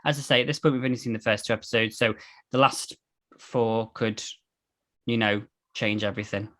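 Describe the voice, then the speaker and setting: A man's voice: lowish voice, fairly even intonation, brisk, bright, forceful tone. A man, co-hosting a podcast and chatting animatedly about a television series. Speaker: podcast co-host. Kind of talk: casual chat.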